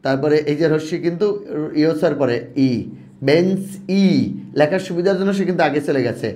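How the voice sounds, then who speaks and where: A man teaching an exam-prep lesson, speaking slowly and repeating words so his students can follow. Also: on the high side, a little mellow.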